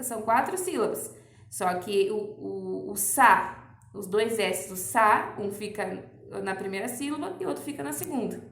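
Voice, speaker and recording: Patient Brazilian teacher woman, high voice. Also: reverberant. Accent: Brazilian Portuguese. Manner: patient, explains slowly with many "ó" and "tá?". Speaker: primary school teacher. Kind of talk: recorded remote class lesson.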